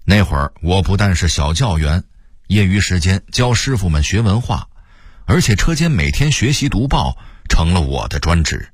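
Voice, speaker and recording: A man in his sixties from Beijing with a Beijing accent, telling a story in a relaxed, chatty way for radio. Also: deep voice, normal speed, slightly rough, dry recording, studio quality.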